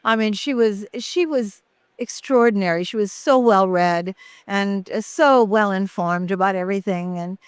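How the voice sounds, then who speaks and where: An older woman, a guest actress in an interview, reminiscing in a halting way with many fillers and restarts. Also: medium pitch, clear, resonant tone, dry recording, studio quality.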